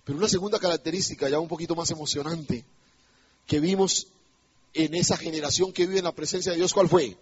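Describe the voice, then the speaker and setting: A male pastor delivers an emphatic sermon, often turning to the congregation with questions. His voice sits high and sounds husky. The recording is dull and lo-fi, as if captured in a church. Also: steady tone, brisk.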